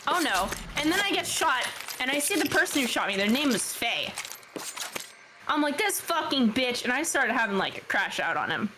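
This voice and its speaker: A woman's voice: sits high, a little fast, slight background noise, low-quality recording. A woman chatting casually with friends over voice chat while gaming, telling stories with lots of swearing. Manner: animated storytelling, heavy swearing. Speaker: player in a group game session. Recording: game music playing behind.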